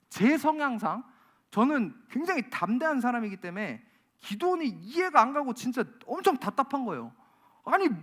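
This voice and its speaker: A man's voice: extremely high pitch, a bit bright. A man preaching a sermon in a church, firing off exasperated rhetorical questions. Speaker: pastor.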